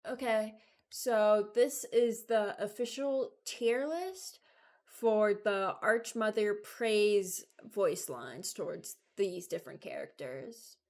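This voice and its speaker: Speaking slowly in a mellow, mid-range voice, a woman in her early twenties gives loose, unscripted gaming commentary. She rambles and thinks aloud as a video creator.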